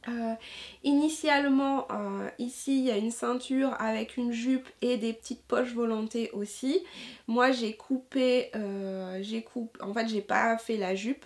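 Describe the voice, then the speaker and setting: A woman with a fairly high voice talks casually as a sewing vlogger. She is chatty and enthusiastic, often pausing on fillers and restarting her sentences. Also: darkish tone. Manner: hesitant, many filler sounds and restarts. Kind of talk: casual chat.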